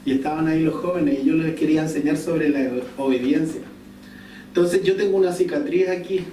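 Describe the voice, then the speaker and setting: A man's voice: fairly high pitch, fairly even intonation, brisk, mellow. A man preaching a sermon to a congregation, telling a personal story and putting questions to his listeners. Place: church hall. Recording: echoey church room, distant mic, faint noise.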